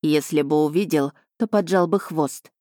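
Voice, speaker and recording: A woman narrates a first-person fantasy audiobook in an even, lightly wry manner. Her voice sits on the lower side for a woman, and the recording is dry and close. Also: moderate pace, no echo.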